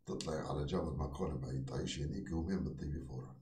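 Deep-voiced middle-aged man, teasing pranker. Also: darkish tone, recorded from a distance. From Kurdistan. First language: Kurdish. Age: 40s. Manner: teasing, rapid-fire questioning. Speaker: prank video-chat host. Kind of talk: joking chat with strangers. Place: small indoor room with bare walls. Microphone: webcam at desk distance. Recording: echoey room, voice off mic.

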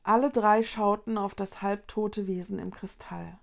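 A woman reading a children's storybook aloud in a calm, soft and measured way. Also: mid-range voice, gravelly. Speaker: storybook reader.

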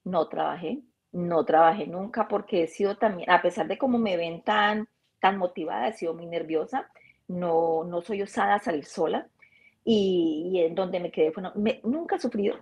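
Female guest, mellow tone, animated storyteller who voices the people in her tales. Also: on the low side, moderate pace, husky, lo-fi sound. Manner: animated, acts out dialogue in her anecdotes. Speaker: interview guest. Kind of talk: casual storytelling.

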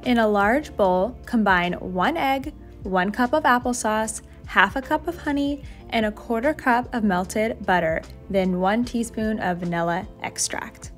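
A young woman with a medium-pitched voice, talking a bit slowly, narrates a cooking video in her home kitchen. As a vlogger she's talkative and quick to laugh at herself, with light background music playing.

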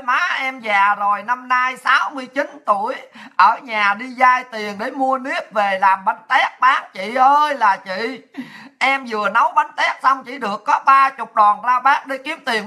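A woman's voice: fairly high pitch, sharp tone. A woman voicing a desperate woman market vendor who wails and pleads over and over. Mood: tearful plea. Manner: wailing, pleading, repeats "chị ơi là chị".

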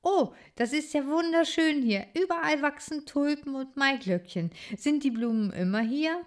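A woman voices a small, eager, curious bookworm who sounds amazed. She speaks at normal speed in a high register, pitched above her own voice but still close to an everyday tone.

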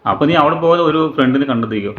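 A man's voice: on the high side, animated, fast. Teasing man in a roomy home. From Kerala. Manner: teasing, playfully quizzing a small child. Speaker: father and village vlogger. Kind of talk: casual family vlog. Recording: roomy, dull, noisy home recording.

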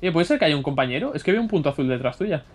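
A young man coaches a friend through an online game. His voice sits fairly high for a man. He is mostly relaxed and laughs, with a sudden yelp when his character gets hit. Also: rapid-fire. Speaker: co-op gaming partner. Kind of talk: casual gameplay chat.

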